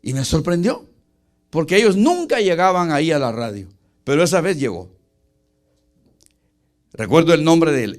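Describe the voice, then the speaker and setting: A middle-aged male pastor preaches in a church. His voice sits fairly high for a man, and he tells his story earnestly, acting out the dialogue and calling the congregation brother. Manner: earnest, retells dialogue, addresses listeners as brother. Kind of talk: sermon storytelling.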